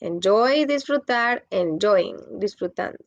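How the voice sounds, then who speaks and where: A woman's voice: mid-range voice, expressive, slow, dry recording, dull audio. Woman teaching English grammar patiently. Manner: patient, explains in Spanish and repeats in English. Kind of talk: bilingual grammar lesson.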